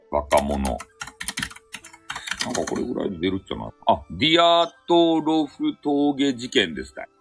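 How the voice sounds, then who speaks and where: Lively low-voiced man with Hakata dialect. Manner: rambling, self-correcting, chuckles. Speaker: live audio stream host. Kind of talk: casual solo live chat.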